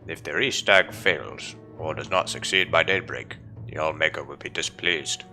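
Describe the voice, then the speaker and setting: A man's voice: very deep voice, moderate pace, pushed and bright, heavily acted. A man reading out the lines of a stern male barbarian hunt leader in a commanding, solemn way. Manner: commanding, solemn read-aloud delivery. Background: game music.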